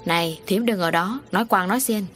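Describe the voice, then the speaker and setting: A woman's voice: medium pitch, a little fast, a bit bright, lightly acted. An evasive middle-aged landowner who hesitates, then flares up when pressed, in a storybook reading. A woman reader plays him in her own voice. Faint music sits behind.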